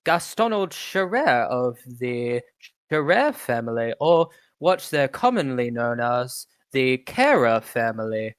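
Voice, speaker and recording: A man's voice: medium pitch, no room sound. A man, running a tabletop game, voicing a polite and fussy male butler robot who talks in a prim, courteous way. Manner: prim, smooth-talking and courteous.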